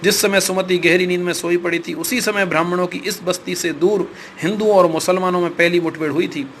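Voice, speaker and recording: A man's voice: fairly high pitch, fairly bright tone, a little hiss or hum. Man reading a formal audiobook. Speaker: audiobook narrator. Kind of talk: scripted audiobook narration.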